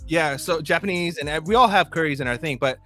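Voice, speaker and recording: A man chatting on a live-stream video call, animated, quick to laugh and saying bro often. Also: on the high side, soft background music. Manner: animated, laughs easily, says bro a lot. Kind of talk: casual live-stream chat.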